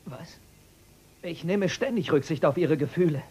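A man's voice: on the high side, normal speed, a little mellow, slightly rough. An actor dubbing a young man who is bitter and defiant toward his family in a soap opera. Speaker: grown son. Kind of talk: German-dubbed soap opera acting.

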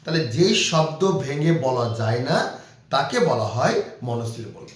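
A man teaching grammar to young children, explaining slowly and repeating each point. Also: medium pitch. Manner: slow, repetitive explaining to young kids. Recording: very echoey room.

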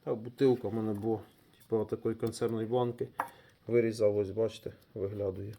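A man's voice: fairly low pitch, level tone, a little fast, gravelly, mellow, a little hiss or hum. Man, DIY mechanic vlogger, casual and unscripted, muttering through a repair in a workshop, friendly asides to viewers. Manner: thinks aloud while working, trailing off and restarting. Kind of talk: casual hands-on repair commentary.

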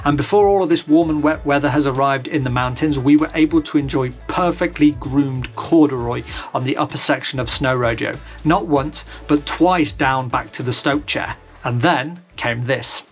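A man's voice: medium pitch, normal speed, soft background music. A man narrating his own vlog as a voice-over, upbeat and enthusiastic as he recommends things. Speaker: vlogger.

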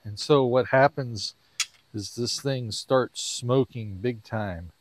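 A man's voice: mid-range voice, slow, no room sound. Easygoing man explaining his grilling, dry sound. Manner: easygoing, chatty, step-by-step explaining. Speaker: pool designer giving grilling tips. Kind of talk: casual how-to cooking vlog.

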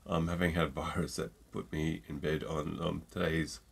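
An extremely low, gravelly and husky voice speaks flatly at a moderate pace. It's a middle-aged man whose cold has stuffed his nose, chatting jokily to camera as a gin reviewer, with a lot of ums. He sits close to a desk mic in a home room with shelves of bottles.

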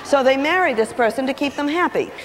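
A woman giving a lively teaching talk, telling stories and acting out what people say in changing voices. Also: sits high, a little fast. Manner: animated, acts out quotes in changing voices. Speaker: seminar speaker on personality and marriage. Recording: long hall reverb on an old videotape.

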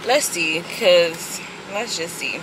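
A chatty lifestyle vlogger talks casually to the camera, calling her viewers "y'all" again and again. Her voice is fairly low and she takes her time. The camera audio was recorded outdoors and is noisy.

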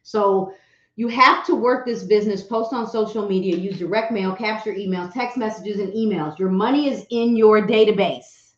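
A woman coaches her audience in a blunt, animated, teasing way. Her voice sits at a middle pitch. The sound echoes around the room and is a little dull. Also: normal speed. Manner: animated, direct, teasing, acts out quoted voices. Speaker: real estate broker giving social media advice. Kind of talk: motivational talk to an audience. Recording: roomy, slightly dull sound.

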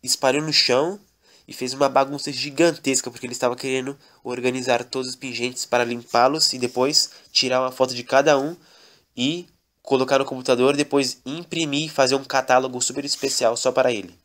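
A man's voice: mid-range voice, fairly even intonation, fairly quick, fairly bright tone. A man telling an absurd comic story in a mock-dramatic, repetitive storytelling manner.

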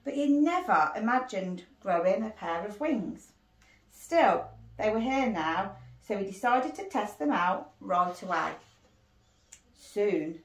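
A middle-aged primary school teacher reads a picture book aloud to children, expressive and deliberate in her storytelling. Her voice is medium-pitched. She is recorded indoors in a small, cosy sitting room on a handheld phone held a short distance away, giving a roomy echo.

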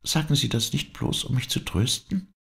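A man with a deep voice voicing a tender, sorrowful young woman in an audiobook, speaking softly and pleadingly. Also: expressive, moderate pace, vocal fry. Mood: tearful joy.

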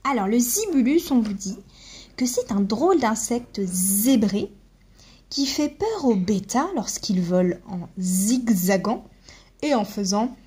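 A woman teaching a phonics lesson to young children, slowly sounding out each syllable with long buzzing sounds and checking in with them after each point. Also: on the high side, animated, mellow, husky. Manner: slow, deliberate, sounds out syllables with drawn-out buzzing. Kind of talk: primary-school phonics lesson.

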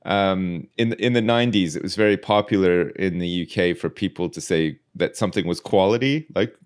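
A man's voice: low voice, brisk, clean tone. A man co-hosting a podcast in casual chat, rambling and restarting his sentences. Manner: rambling, repeats words at restarts. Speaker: podcast co-host.

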